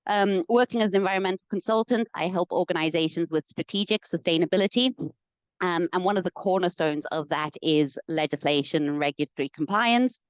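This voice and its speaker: A young woman from South Africa with a South African accent, an environmental consultant giving a friendly, measured online presentation with frequent "um" fillers. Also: fairly low pitch, no room sound. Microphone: video call. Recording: dull, dry webinar audio.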